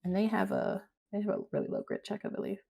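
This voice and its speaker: A woman's voice: mid-range voice, huge pitch swings, quick pace, creaky, warm tone, breathy edge. A woman narrating a tabletop role-playing game as game master in an informal, improvised way.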